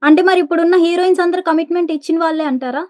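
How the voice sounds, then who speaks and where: A woman's voice: very high voice, fairly even intonation, very fast, a little mellow. A woman interviewer asking probing, challenging questions.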